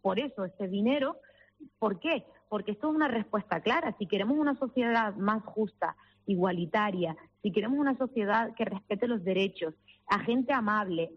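Calling in as a radio interview guest, a Canary Islands lawyer for minors and immigrants talks earnestly, often using fillers and starting over. She has a Canarian accent mixed with Castilla-La Mancha, a medium pitch with a breathy edge, and the recording sounds muffled.

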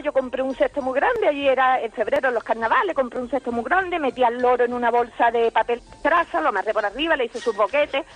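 Calling in to a radio show, a woman with a high-sitting voice tells an anecdote and acts out the voices of the people in it; the audio quality is poor.

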